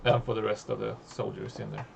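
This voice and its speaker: A man narrating as game master of a tabletop horror game, halting, with many fillers and restarts. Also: lowish voice, little pitch movement, vocal fry, background noise.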